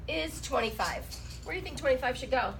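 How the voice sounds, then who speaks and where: A woman's voice: high-pitched, lively intonation, fairly quick, creaky, faint music behind, poor audio. A woman teaching a math class while sick. She asks her students questions and jokes with them. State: sick, rough voice. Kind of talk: classroom lesson.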